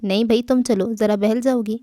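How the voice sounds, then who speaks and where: Female reader voicing a teasing, coaxing young woman; warm and dry. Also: a little high, fairly even intonation, no room sound, natural voice. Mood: cheerful. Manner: playful, coaxing.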